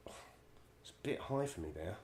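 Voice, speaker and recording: A man, a musical director and vocal coach, telling wry stories in a chatty way, laughing often and filling pauses with ums. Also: fairly low pitch, animated, a little mellow, roomy sound. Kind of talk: casual anecdote-telling.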